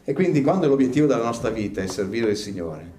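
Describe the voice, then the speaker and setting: A man's voice: very animated, fast, heavy background noise. Man preaching in an echoey room. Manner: rises to loud, high preaching bursts. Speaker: pastor. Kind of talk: sermon. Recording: echoey room, faint ambience.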